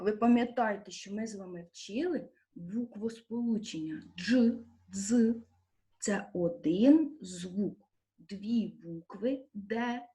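Teaching young primary pupils, a woman with a Ukrainian accent asks them questions and elongates stressed syllables slowly and distinctly. She has a medium pitch and a warm tone.

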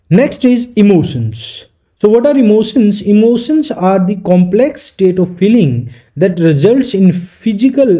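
Man, lecturing tutor, measured pace, very dark tone, reads definitions out slowly. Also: a little high. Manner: explains in Hindi, reads definitions slowly in English. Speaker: teacher. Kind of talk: exam-prep lecture.

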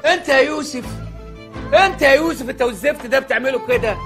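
A fretful, God-fearing Egyptian chicken seller in a TV comedy, his voice pitched very high as he rattles off scolding and pleading lines at a brisk clip. A music score plays under him. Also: a bit bright. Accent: Egyptian Arabic. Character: pious, fussy male chicken-shop owner and anxious father. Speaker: comic lead in a TV comedy series. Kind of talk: sitcom comedy acting.

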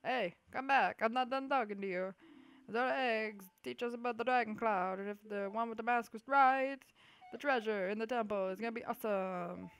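A woman voicing a bossy female pirate leader with a put-on Italian accent, reading lines in a slow, drawn-out, dramatic way. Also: fairly high pitch, clear, resonant tone, dry recording, natural voice. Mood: commanding.

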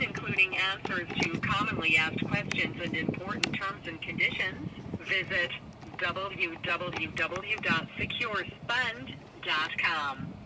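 A man's recorded voice on an automated phone menu, reading options in an even, scripted way, built from spliced-together prompts. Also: high-pitched. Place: car, played over a phone. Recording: distant noisy phone speaker in a car.

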